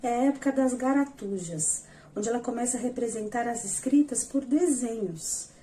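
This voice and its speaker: Woman, teacher, patient step-by-step explanation, warm tone, slightly high pitch. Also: normal speed, a little hiss or hum. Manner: patient, explains step by step, addresses viewers directly. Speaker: educational psychologist teaching. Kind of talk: explanatory lesson over slides.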